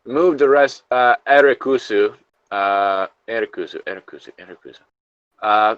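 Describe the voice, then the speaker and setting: A man on the low side speaks at a moderate pace with a smooth, fairly bright tone, recorded dry and lo-fi. He's a co-host reading internet horror stories aloud in a casual session, full of jokey asides and cursing between lines.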